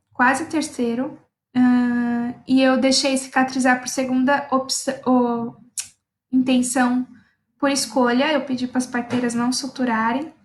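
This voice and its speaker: Uma jovem parteira contando o próprio parto num relato casual e animado, rindo com frequência. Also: female voice, sits high, echoey room. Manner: animated storytelling, laughs often, acts out her own quoted orders. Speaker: midwife recounting her own birth. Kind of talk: personal birth story, casual talk.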